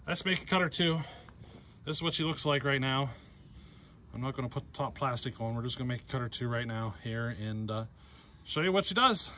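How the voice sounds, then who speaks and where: A man's voice: mid-range voice, sharp tone, a little hiss or hum. A man in his forties talking casually about a chainsaw build outdoors in a yard, rambling with fillers and chuckles. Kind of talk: casual workshop vlog. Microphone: camera close up, handheld.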